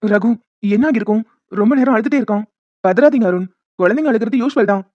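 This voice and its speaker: A woman voicing the husbands, brothers and a doctor in an animated family story, with brisk, reassuring delivery. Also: on the high side, dry recording, natural voice. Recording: dry, dull lo-fi home mic.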